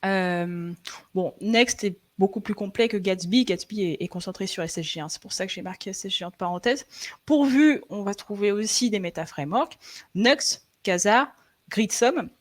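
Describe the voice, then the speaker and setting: A woman's voice: mid-range voice, expressive, normal speed. A young adult woman presenting a live online tech session, talking hesitantly with many fillers and restarts, checking in with her viewers, her throat slightly sore. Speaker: frontend developer presenting a live webinar.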